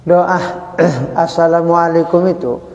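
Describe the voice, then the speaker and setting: A man over forty giving an informal religious study talk, chatty and joking, acting out greetings slowly. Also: on the high side, vocal fry, a little mellow. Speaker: religious teacher. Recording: dull echoey hall.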